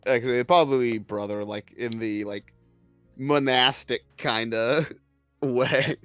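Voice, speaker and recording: A man's voice: medium pitch, fairly even intonation, unhurried, a bit bright, clear, resonant tone, no room sound. A man chatting casually in a tabletop role-play game, hesitantly piecing his thoughts together aloud. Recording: dull lo-fi mic with music behind.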